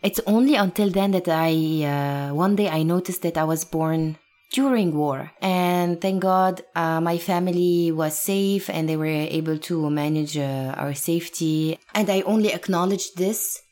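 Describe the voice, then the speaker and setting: A woman in her thirties from Lebanon, an actress, gives a reflective interview in a fairly low, slightly mellow voice, taking her time. She speaks earnestly and emphatically and laughs now and then.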